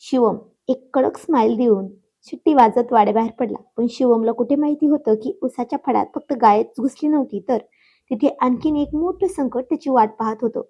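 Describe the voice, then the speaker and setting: A woman telling a family story aloud in an expressive, steady storytelling manner. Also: a little high, fairly quick, slightly rough. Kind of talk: scripted story narration. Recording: dull lo-fi recording.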